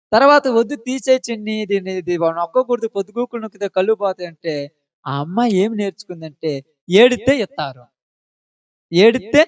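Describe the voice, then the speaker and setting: Man, pastor, conversational sermon, high voice, muffled low-fidelity audio, rhetorical questions, repeats points. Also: no room sound. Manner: addresses listeners directly and familiarly. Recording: dull lo-fi recording.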